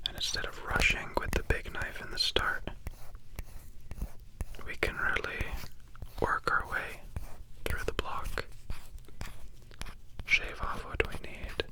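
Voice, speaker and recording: Someone whispers ASMR commentary in a slow, unhurried murmur while carving soap, softly repeating words. The audio quality is poor.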